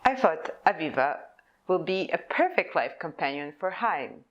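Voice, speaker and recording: Heard through lo-fi audio, a young woman with a slightly low voice gives a conference talk in English about her type design. Polish is her first language; she sounds sing-song yet measured and deliberate, as if reading from notes.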